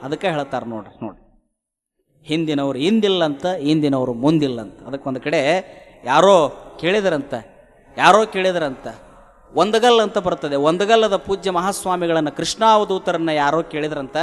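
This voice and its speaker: A man with a high voice gives a devotional sermon in a North Karnataka Kannada accent. He chants verses slowly and draws them out, then explains them in lively everyday speech. A long reverb trails behind his voice. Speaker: preacher.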